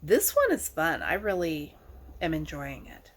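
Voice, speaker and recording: A middle-aged woman hosts a casual craft vlog, chatting in a wry, conversational way. She is a little hoarse from being sick with a sore throat. Her voice sits low and swings widely in pitch, and she talks a little slowly.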